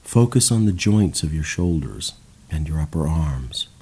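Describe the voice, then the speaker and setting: A man guiding a slow, calm breathing and body relaxation exercise in a soothing voice. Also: extremely low pitch, husky. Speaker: meditation guide. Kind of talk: guided relaxation narration.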